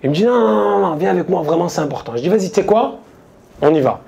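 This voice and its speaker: A man doing stand-up, telling a story in a casual, slangy way to a live audience, quoting his friends in quick asides. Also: high voice, animated, gravelly, mellow. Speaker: stand-up comedian. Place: stage before a live audience.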